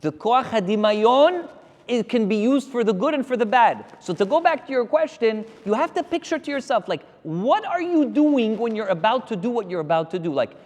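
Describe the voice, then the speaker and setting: A man, a rabbi, giving a Torah lecture to his congregation and telling stories with animated energy. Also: high voice, in a large hall. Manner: animated storytelling, addressing the crowd directly.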